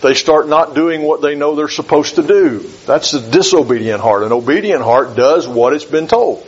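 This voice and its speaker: A man delivers a sermon in a measured, emphatic way, leaning on repeated phrases. His voice sits fairly high for a man, and the recording is dull and lo-fi. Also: expressive, breathy edge. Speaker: preacher.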